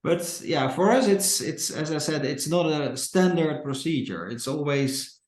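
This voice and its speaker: A man's voice: a little high, animated, measured pace. Dutch man, hesitant, echoey room. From Netherlands. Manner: hesitant, many fillers and restarts. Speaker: company founder, guest. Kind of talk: casual podcast interview. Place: Portugal.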